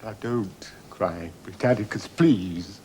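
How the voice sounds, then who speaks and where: An actor playing an aging Roman emperor in a period television drama, speaking to his son in a halting, earnest, pleading way. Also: fairly low pitch, darkish tone, husky. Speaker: emperor Claudius.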